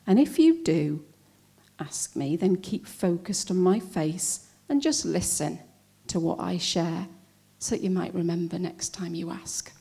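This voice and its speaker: A woman recites her own spoken-word poem in an unhurried, measured way. Her voice is soft and mellow, and her lines come out wry and pointed. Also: on the low side, vocal fry, breathy edge. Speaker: poet. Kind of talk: spoken-word poetry performance.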